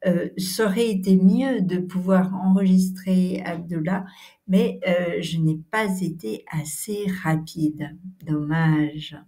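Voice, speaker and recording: Slow, mellow-voiced woman with a French accent. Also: on the low side. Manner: hesitant, many fillers, sometimes whispering. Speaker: channel host. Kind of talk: casual narrated workshop visit.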